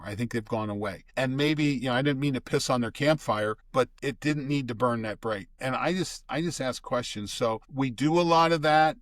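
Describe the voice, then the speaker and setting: A man's voice: mid-range voice, no echo, studio quality. An older man, a guest expert, explaining things in casual podcast talk and often restarting his phrases.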